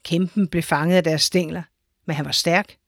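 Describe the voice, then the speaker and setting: Female narrator for a children's story, clear and measured; dry close recording. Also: on the low side, steady tone, no room sound.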